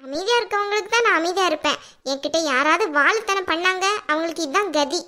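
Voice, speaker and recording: A woman's voice: very high-pitched, fast, bright, forceful tone. A woman voicing a young wife in a cartoon who has grown fierce and talks back sharply and sarcastically. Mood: defiant. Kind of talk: cartoon voice acting.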